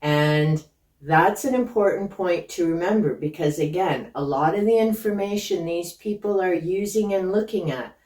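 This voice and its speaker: A book vlogger whose first language is Hungarian talks casually and skeptically about books she has read, rambling into side thoughts. Her voice is on the low side and darkish at a moderate pace, sounding far from the mic in an echoey room.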